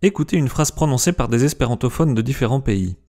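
A man narrating a scripted educational video about a language, lively, and slowing down carefully to spell out pronunciations. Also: mid-range voice.

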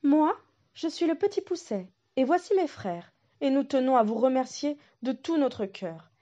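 A woman's voice: high-pitched, animated, moderate pace, dark tone, lo-fi sound, voice pushed up. A woman voicing a small, grateful little boy who speaks politely and earnestly.

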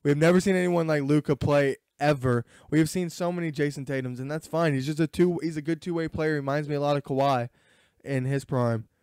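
A man's voice: fairly high pitch, a little fast, darkish tone, clear, resonant tone, no echo, studio quality. A man co-hosting a podcast, talking sports in an emphatic, opinionated way, his voice cracking at times. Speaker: podcast co-host. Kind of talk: casual sports chat.

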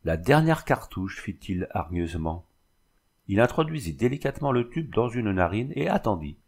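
A man reading a novel aloud as an audiobook narrator, in a measured, even way. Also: lowish voice, vocal fry, slightly rough. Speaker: audiobook reader.

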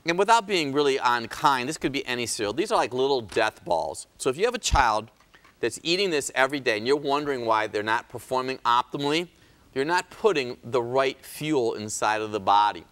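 A man's voice: mid-range voice, lively intonation, brisk, fairly bright tone. A man hosting a health talk show as a chiropractor, speaking emphatically, pleading with viewers and dropping sarcastic asides.

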